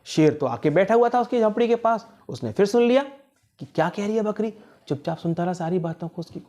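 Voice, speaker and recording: Animated man telling a children's story. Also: high voice, a little fast. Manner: animated, asks the listeners questions. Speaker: motivational speaker.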